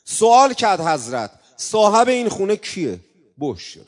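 A man preaching a religious sermon, coaxing his audience and breaking into chanted invocations, with sudden swings between loud and soft. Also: sits high, big pitch swings, big-room sound. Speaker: religious speaker. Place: religious gathering hall.

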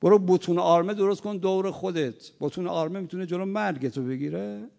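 High gravelly preacher in a reverberant hall. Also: male voice. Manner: swings from quiet talk to loud impassioned cries. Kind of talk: sermon.

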